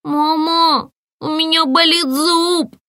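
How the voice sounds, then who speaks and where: A woman's voice: very high-pitched, fairly even intonation, slow pace, bright, forceful tone, no room sound, studio quality, voice pushed up, exaggerated voice. A woman voicing a scared, whiny little boy in a children's audiobook.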